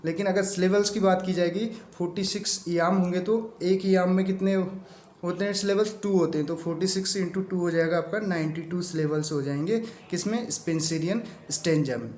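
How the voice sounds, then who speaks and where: A high-pitched Indian man teaching English literature for exam prep. He works through quiz items step by step, asking questions and answering them himself. The sound is roomy and echoing. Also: a little mellow. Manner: reads English quiz items slowly, mixing English terms into Hindi.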